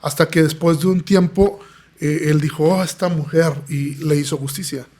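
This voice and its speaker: A man's voice: a little high, fairly even intonation, moderate pace, darkish tone. A man, a pastor telling his testimony in an earnest, preaching tone. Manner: earnest, preaching tone, acts out quoted voices. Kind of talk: podcast interview testimony.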